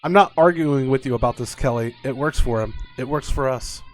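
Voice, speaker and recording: A man's voice: mid-range voice, a little fast, pitched below the performer's own voice, lightly acted. A man reading the lines of a worried, talkative middle-aged mother from a game, nagging and repeating herself, with faint game music behind. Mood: chiding. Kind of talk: reading game dialogue aloud in character.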